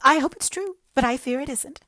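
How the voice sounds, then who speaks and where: A woman reads a book aloud, voicing a melodramatic, self-pitying young woman who wails in gushing, theatrical, breathless overstatement. She pitches this character above her own voice, so it sits high, bright, and forceful, a little fast, in a dry recording.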